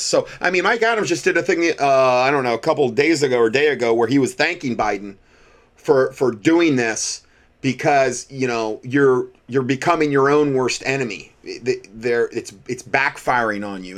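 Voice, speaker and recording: A man with an American accent hosting a show of informal political commentary, talking in a loose, halting, off-the-cuff way. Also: mid-range voice, fairly bright tone.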